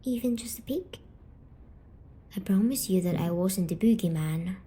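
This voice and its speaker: This ASMR audio storyteller has a medium-pitched voice and performs a scripted roleplay as a gentle, patient, eerie demon visitor. Her delivery is soft, slow and coaxing, drifting into whispers as the female sleep paralysis demon soothes a dreamer.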